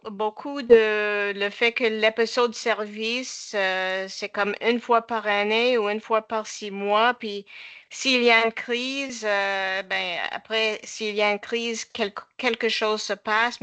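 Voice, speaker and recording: A woman's voice: medium pitch, a bit bright, clear, resonant tone. A woman moderating a discussion, a native English speaker with an English-speaking Canadian accent, a foreign accent in French, searching for words as she goes. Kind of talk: informal panel discussion.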